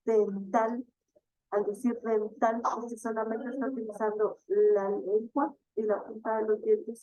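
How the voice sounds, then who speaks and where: A woman teacher giving a classroom lecture, explaining slowly, stretching example words and often asking the class "¿verdad?". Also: medium pitch, mellow, dry recording, dull audio.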